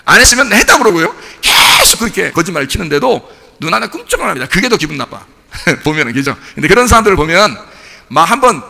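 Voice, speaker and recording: A man's voice: sits high, gravelly, bright, forceful tone, big-room sound. A man, a pastor, preaching a sermon in a conversational way, often asking the congregation questions.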